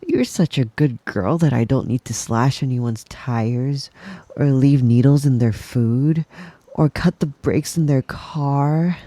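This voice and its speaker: In an intimate ASMR roleplay, a man plays a possessive, doting yandere wolf boy, cooing praise slowly and softly with smug devotion. His mid-range voice is lightly acted, close-miked with no room sound, and often drops to a whisper.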